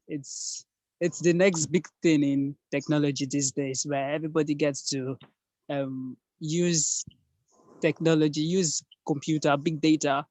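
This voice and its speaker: A man's voice: a little high, no echo, poor audio. A man giving a hesitant presentation on a video call. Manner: hesitant, many ums. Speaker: mentee presenter. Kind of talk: online meeting presentation.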